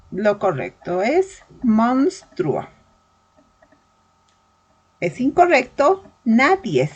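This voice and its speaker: Slow, husky-voiced woman teaching. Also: high-pitched, lo-fi sound. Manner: slow, deliberate, spelling out examples. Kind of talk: verbal reasoning lesson.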